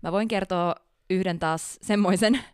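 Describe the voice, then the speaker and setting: A woman co-hosting a casual podcast as a flight attendant, telling stories in an animated way and laughing often. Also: medium pitch, smooth, no echo, studio quality. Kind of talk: casual podcast chat, reading listener stories.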